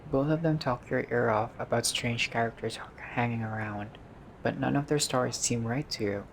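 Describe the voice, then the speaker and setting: This is a casual visual novel playthrough in which a gamer with a mid-range voice reads the text aloud at a moderate pace. Informal asides, some swearing and occasional stumbles come through, and the recording is clearly noisy.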